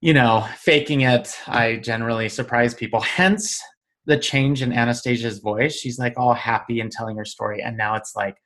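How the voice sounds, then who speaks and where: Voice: mid-range voice, fairly even intonation, moderate pace, fairly bright tone. A podcast host who talks playfully and teases the guest while announcing a quiz game. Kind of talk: casual interview hosting.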